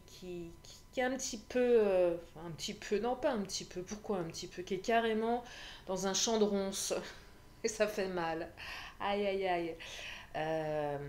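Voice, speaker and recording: A woman's voice: medium pitch, darkish tone. A woman casually reading tarot and oracle cards, chatty, often laughing and repeating her phrases. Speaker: tarot and oracle card reader. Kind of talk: casual card-reading monologue. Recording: echoey room with faint noise.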